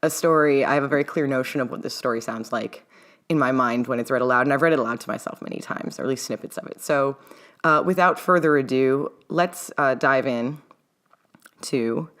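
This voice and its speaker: With a bass voice and fairly bright tone, a woman reads her own fan fiction aloud at a moderate pace. The delivery is audiobook-style, in an old-timey, English-leaning mid-Atlantic accent.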